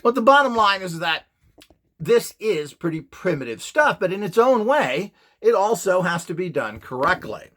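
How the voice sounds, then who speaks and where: A man with a high, fairly bright voice and wide pitch swings speaks at a moderate pace. He delivers a blunt, scornful, emphatic off-the-cuff lecture while selling radionics devices, using rhetorical questions and mocking imitations of what others say.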